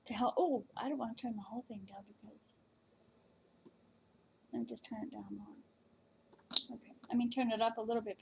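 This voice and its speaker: A woman's voice: on the high side, noisy background. A woman casually chatting at home at her computer, rambling and hesitant, with many fillers and restarts. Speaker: vlogger reviewing virtual canes. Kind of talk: casual chat.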